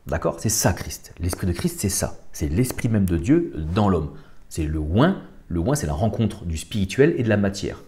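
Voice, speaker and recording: Mellow-voiced man musing casually on scripture. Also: low-pitched, big pitch swings, normal speed. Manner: colloquial, thinks aloud while looking up verses. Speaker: channel host. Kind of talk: casual spiritual commentary monologue.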